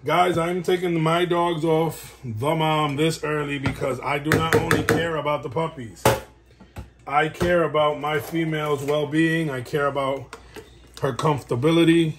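A man's voice: a little high, steady tone, measured pace. Chatty man in a noisy home video. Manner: rambling and chatty, talks while working. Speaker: dog breeder. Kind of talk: casual how-to vlog.

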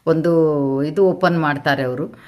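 A woman's voice: deep voice, steady tone, slow, darkish tone. Woman telling her faith story to viewers, earnest, says things twice, keeps calling ppl amma. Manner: earnest, repetitive, addresses listeners as amma. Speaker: devotional vlogger. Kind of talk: personal testimony to viewers.

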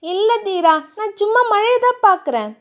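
A woman's voice: very animated, moderate pace. A woman voicing an innocent, playful young heroine in a romance audiobook, with a childlike, cheerful way of speaking. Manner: childlike, cheerful, high and sing-song.

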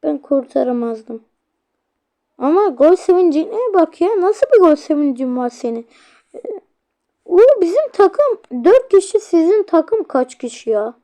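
A woman hosting a gaming channel, giving excited let's-play commentary, crying out and grumbling at the game and talking straight to viewers. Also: extremely high pitch, a little slow. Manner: talks to viewers directly.

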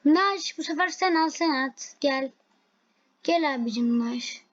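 A high-voiced woman streaming a game live, narrating each move in an excitable, easily frustrated way and repeating her complaints. The audio is dull and lo-fi, like a home stream. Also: takes it slowly, slight background noise. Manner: excitable, frustrated, repeats herself while playing. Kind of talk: live gameplay commentary.

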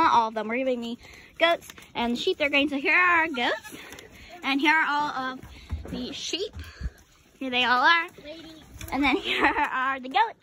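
High-voiced giggly teen girl vlogger. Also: fairly bright tone. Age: teens. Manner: chatty, giggly, lots of ums. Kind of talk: casual farm vlog narration. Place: outdoors on a farm, barns and pens. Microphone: handheld phone camera.

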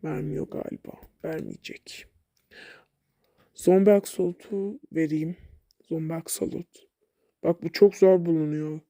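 Slow chatty game vlogger, soft mellow tone, dry close sound, grumbles at the game. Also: medium pitch, steady tone, dry recording. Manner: chatty, talks back at the game, drops to mutters. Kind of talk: casual gameplay commentary.

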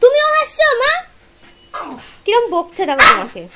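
A woman's voice: extremely high pitch, wildly swooping pitch, moderate pace, heavy background noise. A woman filming her dog at a family home, coaxing and teasing it and talking to it like a child. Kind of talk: casual chat to her dog.

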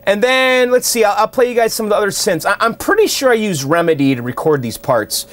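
On his own channel, a man gives a relaxed tutorial on building a song at his home studio computer, restarting often and packing in fillers while his synth tracks play clearly. He sounds high-pitched, expressive, brisk, and fairly bright.

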